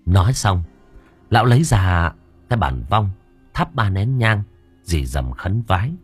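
A man narrating an audiobook, telling the story in an expressive, animated way. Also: deep voice, unhurried, slightly rough, faint music behind.

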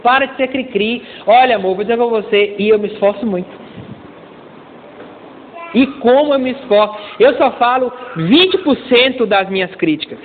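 Brazilian male pastor, middle-aged, high voice, joking sermon style, tinny recording with long hall reverb. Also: expressive, moderate pace, slight background noise. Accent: Brazilian Portuguese. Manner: playful, acts out little dialogues, calls for amens. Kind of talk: lively humorous sermon.

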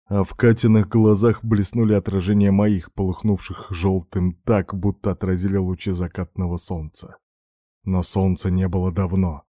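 A male audiobook narrator reading a first-person novel with a steady, measured delivery. His voice sits low and dark, and the recording is close and dry, with no room echo.

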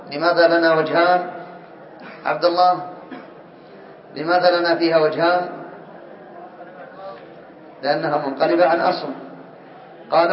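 A man teaching a grammar class, questioning students by name and drilling word forms slowly. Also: fairly high pitch, slight background noise. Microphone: far from the mic. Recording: distant, roomy, dull lo-fi recording.

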